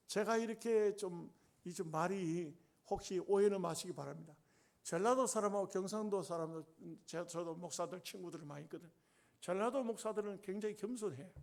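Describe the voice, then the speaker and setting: A male pastor, preaching a sermon with emphatic, drawn-out phrases and folksy humorous asides. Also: high voice, gravelly, a little mellow.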